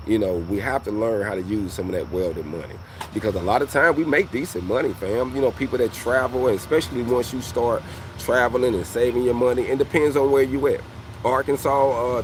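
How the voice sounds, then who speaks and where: On a low-quality recording with slight background noise, a welding coach in his forties gives his viewers a casual pep talk. His voice is on the low, darkish side, and he keeps repeating "fam" and "you know what I mean."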